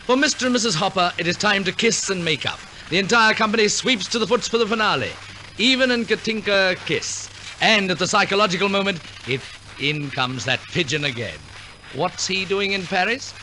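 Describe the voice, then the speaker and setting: A man with a high, sharp voice announces a scripted 1940s radio operetta, animated and brisk, in an arch, wry, theatrical storytelling manner. The old recording carries orchestral music and a little hiss or hum.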